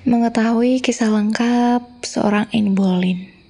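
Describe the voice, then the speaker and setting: A woman with an Indonesian accent playing an affectionate, teasing wife in an ASMR role-play, intimate and soothing, soft and breathy as she coaxes a listener to sleep. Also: a little high, steady tone, slow pace. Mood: soft storytelling. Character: affectionate teasing young wife telling bedtime stories.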